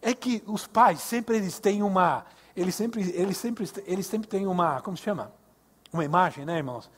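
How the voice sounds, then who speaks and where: A man's voice: high-pitched, normal speed, slightly rough. An older man with a Brazilian Portuguese accent, preaching a sermon at a youth service, telling stories and asking the congregation questions. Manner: animated, acts out dialogue, asks the congregation questions. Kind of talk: sermon with storytelling.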